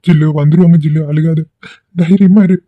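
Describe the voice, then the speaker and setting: A man's voice: a little high, steady tone, moderate pace, natural voice. A man voicing a worried middle-aged father and husband in a cartoon, who sounds anxious and consoling. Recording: dull lo-fi dry recording.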